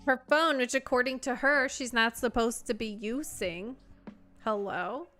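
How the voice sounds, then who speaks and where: Young female streamer, fairly high and bright, casual and giggly, doting on her pup at the mic. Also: a little slow, soft background music. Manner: laughs often, coos praise at her dog. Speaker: live streamer. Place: at home. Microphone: desk streaming mic.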